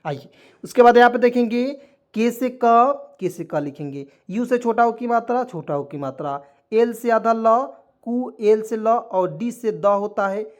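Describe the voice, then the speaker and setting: A man's voice: very high voice, animated, unhurried. A man teaching an online lesson, spelling words out letter by letter, repeating himself and checking in with viewers again and again. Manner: repetitive, keeps checking in with viewers.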